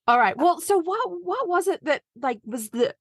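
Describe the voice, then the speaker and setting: A woman's voice: sits high, animated, normal speed, no room sound, clean studio sound. A woman hosting a podcast interview, chatty and enthusiastic as she asks her guest questions. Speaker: podcast host.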